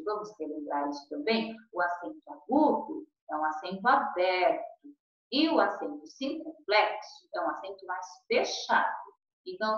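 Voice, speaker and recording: A Brazilian Portuguese-speaking woman teacher giving a recorded lesson to children, patient and encouraging, stretching syllables to show stress. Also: on the low side. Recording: distant, muffled and very echoey.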